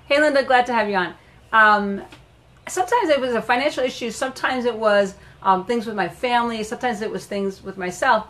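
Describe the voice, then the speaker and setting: A middle-aged woman hosting a casual live stream from her home, animated and chatty, greeting viewers by name and laughing often. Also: mid-range voice. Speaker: live-stream host and wellness coach. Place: at home in Florida.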